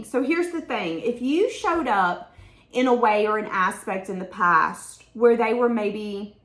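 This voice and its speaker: A woman's voice: medium pitch, fairly bright tone, reverberant. A woman giving a tarot reading to her viewers, talking in an emotional, rambling, repetitive way. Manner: emotional, stream-of-consciousness, repeats herself. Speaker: tarot reader.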